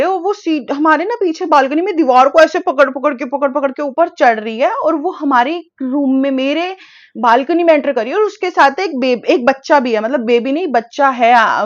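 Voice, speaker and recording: A young woman vlogger telling a storytime in a casual, animated way, mixing Hindi and English with lots of fillers. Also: sits high. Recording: dull lo-fi audio.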